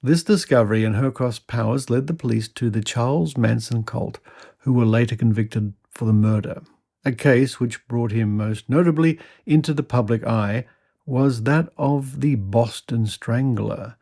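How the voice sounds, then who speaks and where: A man with a gravelly, creaky voice reads an old article aloud as a podcast host. He is mid-pitched and drops in wry comments between passages. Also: normal speed, dark tone. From Australia. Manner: wry asides while reading. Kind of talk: reading an old news article aloud with asides.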